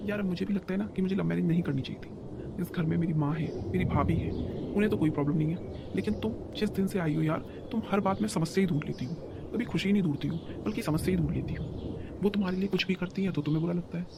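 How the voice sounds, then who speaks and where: A man's voice: high-pitched, quick pace, creaky, background noise. A man voicing an exasperated young husband in a cartoon story, reasoning with his frustrated wife.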